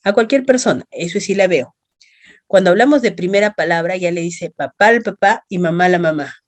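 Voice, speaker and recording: A woman's voice: lowish voice, brisk. Peruvian woman lecturing a class. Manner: explanatory, checks understanding with tags.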